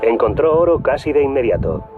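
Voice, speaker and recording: Guy narrating a true-crime doc, steady and even, sounds tinny like a phone, music under it. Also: mid-range voice. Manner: measured, even storytelling delivery. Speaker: documentary narrator. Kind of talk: scripted documentary narration. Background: background music.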